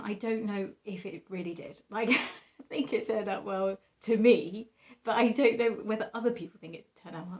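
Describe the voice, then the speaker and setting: A young woman talks casually, as a painter would to viewers of a personal vlog. Her voice sits at an average female pitch. She rambles through hesitant asides with a giggly, self-deprecating manner. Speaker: painter presenting own artwork.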